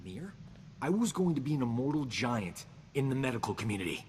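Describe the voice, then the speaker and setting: A man's voice: mid-range voice, sing-song, fairly quick, a little mellow, in a large hall, slight background noise, close to an everyday voice. An actor playing a boastful, roguish male doctor in a video game, talking in a cocky, flippant, self-important way. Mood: indignant. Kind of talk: video game character dialogue.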